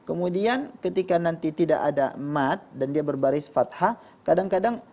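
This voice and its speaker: A man, judging Quran recitation and giving calm, instructive critique while demonstrating pronunciation. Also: on the high side, normal speed.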